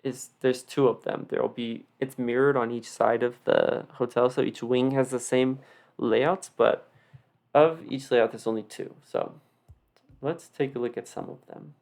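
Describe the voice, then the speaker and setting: Slow, creaky voice with a slight retainer lisp. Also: mid-range voice, fairly even intonation, darkish tone. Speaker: video creator giving a game build tour. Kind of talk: casual unscripted walkthrough commentary.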